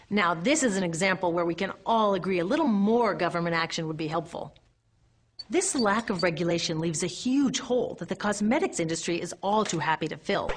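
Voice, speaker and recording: With a mid-range voice and a little background noise, an American woman narrates and presents a scripted explainer. Her tone is conversational and wry, and she frequently asks rhetorical questions.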